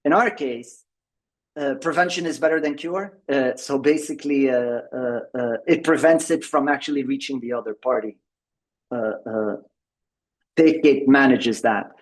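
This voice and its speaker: A man speaks at normal speed in a mid-range voice while presenting on a tech topic to members over a video call. It's a conference presentation, and he uses many fillers and frequently restarts.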